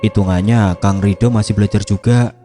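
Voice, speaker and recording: A man's voice: on the low side, steady tone, fairly quick, dark tone, lightly acted. A man voicing a thoughtful, cautious young male boarding-school student who explains with some hesitation. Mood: uneasy.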